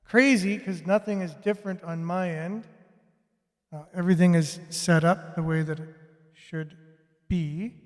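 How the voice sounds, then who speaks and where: A man's voice: high voice, fairly even intonation, a little slow, a little mellow. Man talking through an echoey pipe. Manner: chatty, greets viewers by name. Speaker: livestream show host. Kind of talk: casual livestream chat. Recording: echoing mic with long reverb.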